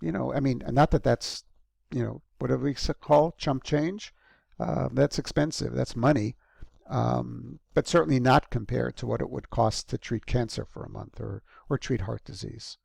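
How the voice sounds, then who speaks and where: A university lecturer talks to his students loosely and conversationally, with frequent ums, restarts, and self-corrections. His medium-pitched, darkish voice has a strong gravelly fry and fairly even intonation. The recording is close and completely dry, with no echo.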